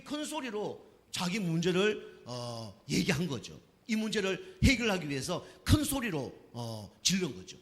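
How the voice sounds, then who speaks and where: Pastor preaching in a reverberant church. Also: male voice, sits high, wildly swooping pitch, measured pace, few pauses. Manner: asks the congregation questions and keeps checking with "right?". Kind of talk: sermon. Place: church sanctuary.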